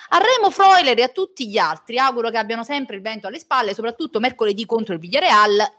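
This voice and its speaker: A woman's voice: a little high, a bit bright. A woman co-hosting a casual, humorous football podcast. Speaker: podcast co-host. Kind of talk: casual chat and humorous letter reading.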